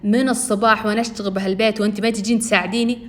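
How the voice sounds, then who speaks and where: A woman's voice: mid-range voice, steady tone, racing, lightly acted. A woman doing a strict, scolding mother. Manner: nagging, scolding.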